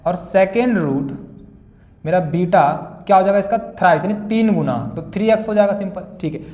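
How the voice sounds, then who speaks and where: A man's voice: high voice, fairly quick, a little mellow. A young male maths teacher solving board-exam problems, calling students "beta" and "bhaiya" and asking and answering his own questions. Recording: echoey room.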